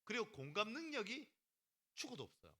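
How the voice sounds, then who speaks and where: A male pastor preaching a lively sermon to a youth group, teasing the students, calling on them by name and acting out what people say. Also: sits high, fairly quick. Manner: animated, teasing, acts out quotes and calls on students by name.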